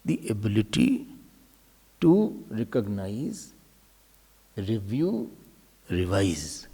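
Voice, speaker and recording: A man's voice: lowish voice, wildly swooping pitch, extremely slow, dark tone, slightly rough. A man with an Indian accent giving a spiritual discourse, emphatic and repetitive, asking rhetorical questions and slipping in Hindi phrases. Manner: mixes Hindi phrases into English.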